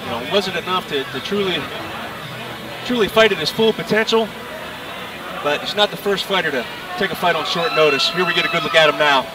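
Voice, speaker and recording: Commentating live MMA at a fight venue, this man describes the action in a conversational play-by-play style, his voice a little high and a little fast. A distant mic picks him up over loud music and a roaring crowd.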